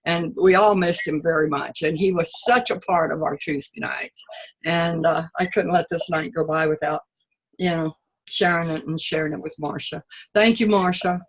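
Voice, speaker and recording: A woman leading a weight-loss group over a video call, her voice husky and a little breathy. She talks in a loose, rambling way, circling back and restarting as she goes. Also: low-pitched, fairly even intonation, normal speed, rough recording. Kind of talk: casual group talk.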